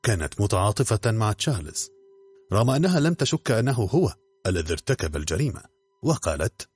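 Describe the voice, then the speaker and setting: A man with a fairly low voice reads an audiobook in a measured, theatrical way. Soft music runs quietly under his narration, and the recording sounds close. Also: big pitch swings, slightly rough. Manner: measured, theatrical reading, voicing characters.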